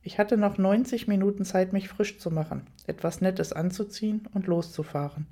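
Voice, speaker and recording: A woman reads a first-person story aloud at an even, steady storytelling pace. Her voice is mellow and warm, with light, amused touches. She sits at a mid pitch for a woman. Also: moderate pace. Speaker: narrator. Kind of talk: first-person audiobook narration.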